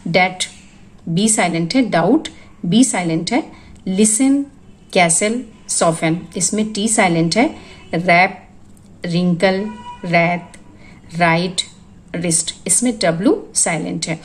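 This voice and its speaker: A woman's voice: lowish voice, slow pace, pauses often, low-quality recording. Woman teaching spelling word lists. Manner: lists words one by one, explaining rules. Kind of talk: spoken spelling lesson.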